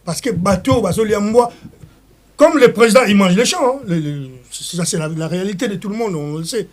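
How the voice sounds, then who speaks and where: A man's voice: high-pitched, a little fast. A man from Congo with a Congolese French accent, speaking as a political guest in an interview. He talks in an impassioned way, with stumbling restarts and repetitions, and mixes in Lingala phrases. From Democratic Republic of the Congo.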